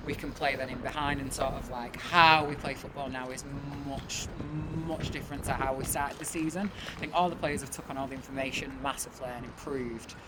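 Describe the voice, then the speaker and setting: A woman's voice: very deep voice, steady tone, fairly quick, few pauses. A woman giving an informal, chatty and emphatic post-match interview as a football coach, outdoors in the wind. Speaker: football team manager and coach. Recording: windy outdoor recording with clear noise.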